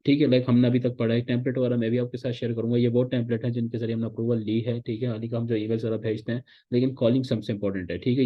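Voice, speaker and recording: Guy from pakistan teaching interns, patient, mid voice, kinda muffled lo-fi audio. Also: mid-range voice. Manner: explains patiently, repeats "ठीक है" often, mixes English phrases. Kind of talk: online class lecture. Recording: dull lo-fi sound.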